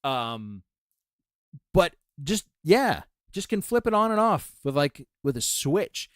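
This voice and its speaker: A man's voice: takes it slowly, dry recording, clean studio sound. A man co-hosting a casual podcast chat, telling stories with lots of energy and acting out what others said. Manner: animated storyteller, acts out quotes in a high excited voice. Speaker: podcast co-host.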